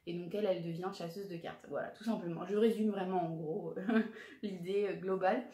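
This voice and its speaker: A woman's voice: on the low side, fairly even intonation, fast talker, mellow. A woman in her twenties chatting casually in a haul vlog, hesitant and full of fillers as she shows what she bought. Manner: chatty, hesitant with many fillers and self-corrections. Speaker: vlogger showing her purchases. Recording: roomy echoey room.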